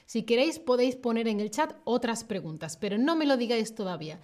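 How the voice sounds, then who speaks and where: A woman from the south of Spain with a southern Spanish accent, teaching a live online Spanish lesson, speaking clearly and repeating her clues. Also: a little high, expressive, a little mellow. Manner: slow, clear, repeats clues, laughs often.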